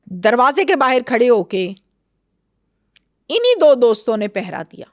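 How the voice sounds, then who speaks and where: Interview guest, female, high pitch, dry recording, dramatic retelling of events. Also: no room sound. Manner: animated storyteller, acts out quoted dialogue. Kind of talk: recounting a crime case in conversation.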